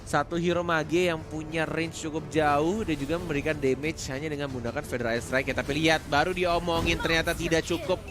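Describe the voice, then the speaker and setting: A man's voice: fairly high pitch, fairly even intonation, a little fast, few pauses. A man giving conversational, analytical live game commentary as a match announcer. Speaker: esports shoutcaster, analyst. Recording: music behind the voice. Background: music.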